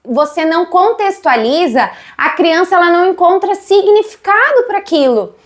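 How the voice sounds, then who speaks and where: A woman's voice: very high voice, expressive, moderate pace. A woman in her thirties with a Brazilian Portuguese accent, explaining literacy teaching and asking her viewers questions. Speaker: literacy educator.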